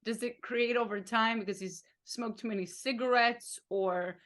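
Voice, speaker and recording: Playful woman with a higher voice. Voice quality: voice gets high when excited. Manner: playful, laughing, quick to joke. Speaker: podcast co-host. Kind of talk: casual chat.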